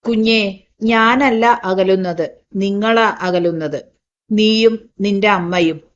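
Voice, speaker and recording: A woman's voice: mid-range voice, slow pace, lo-fi sound, close to an everyday voice. A woman voicing a proud, grieving older uncle in an audiobook, choked with feeling at times and stern at others. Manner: choked, then stern and commanding. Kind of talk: audiobook reading.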